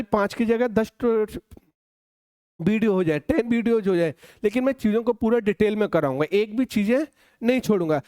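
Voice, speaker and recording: A man with an Indian accent teaching an exam-prep grammar lesson, asking and answering his own questions and slowing down to dictate example sentences. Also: high voice, darkish tone, clean tone, no room sound, studio quality.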